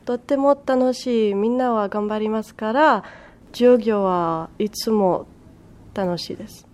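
Answering interview questions as a guest, a woman learning the language keeps her phrasing simple. She is from France, French is her first language, and she speaks a little slowly in a mid-range, darkish voice.

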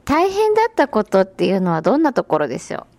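A woman's voice: medium pitch, wildly swooping pitch, fast, a little mellow, no echo. A woman hosting a radio interview show, formal, courteous and encouraging as she asks her guest questions. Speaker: radio host.

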